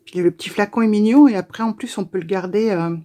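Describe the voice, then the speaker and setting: A woman chatting casually to her viewers as she unboxes things, talking with many pauses, fillers and restarts. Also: mid-range voice, warm tone. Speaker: YouTuber opening advent calendars. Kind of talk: casual unboxing chat to camera.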